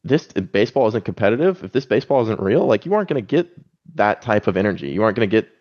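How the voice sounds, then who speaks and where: A man in his twenties speaking in a casual interview as a guest, relaxed and rambling with many fillers and restarts. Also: on the low side, racing, muffled recording. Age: 20s. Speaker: professional baseball pitcher, guest.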